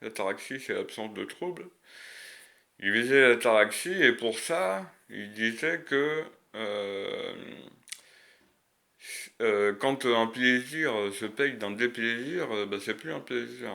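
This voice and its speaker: A man's voice: medium pitch, expressive, gravelly, pushed and bright. A man with a lisp that makes his s slushy, talking off the cuff in a casual, hesitant, rambling monologue full of crude slang. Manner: rambling, hesitant, frequent long searching pauses. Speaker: video creator.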